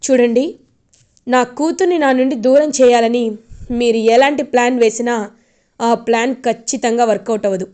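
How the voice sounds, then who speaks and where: A woman's voice: fairly high pitch, moderate pace, dark tone, close to an everyday voice. A woman voicing an angry young father who scolds his family for upsetting his daughter, in a stern retelling of a TV serial.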